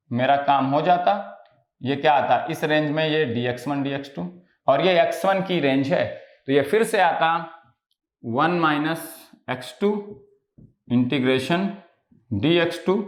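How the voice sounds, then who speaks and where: A man's voice: on the high side, reverberant. A male teacher giving an exam-prep lecture. He keeps asking quiz questions, answers them himself, and checks with tag questions that the class is following.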